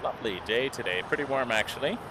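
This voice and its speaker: A man's voice: mid-range voice, lively intonation, fast talker. A man hosting a live plane-spotting stream with casual running commentary. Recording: heavy outdoor or airfield background noise.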